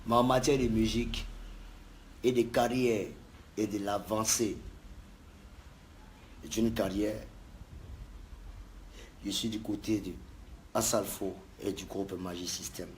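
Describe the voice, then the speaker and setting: A man's voice: fairly low pitch, steady tone, takes it slowly, long pauses, slight background noise. A man giving an emphatic, repetitive video message to fans as a musician. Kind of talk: direct-to-camera video message.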